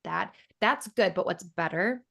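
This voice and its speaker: A woman's voice: fairly low pitch, a little slow, vocal fry, fairly bright tone, breathy edge. A woman in her thirties, a yoga and meditation teacher, talking casually in an interview and acting out quoted voices. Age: 30s. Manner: chatty, acts out quoted voices, laughs often.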